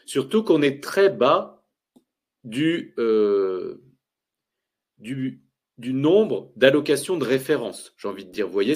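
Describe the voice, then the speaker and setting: A man's voice: medium pitch, husky. Man walking viewers through a chart. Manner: lively, emphatic, rhetorical questions. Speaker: finance educator.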